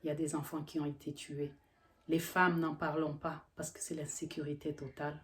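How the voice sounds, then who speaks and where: A middle-aged woman from Congo with a low, deep voice speaks earnestly to the camera as a health professional. She talks steadily but often pauses to search for words. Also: level tone. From Democratic Republic of the Congo. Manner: earnest, with frequent hesitations. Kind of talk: earnest educational monologue.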